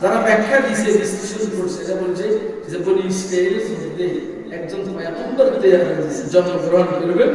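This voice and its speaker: Fiery older preacher, high voice. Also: male voice, fairly quick, a little mellow. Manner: fiery, rhetorical, repeatedly challenging the crowd. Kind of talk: sermon. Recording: echoey hall, voice from far off.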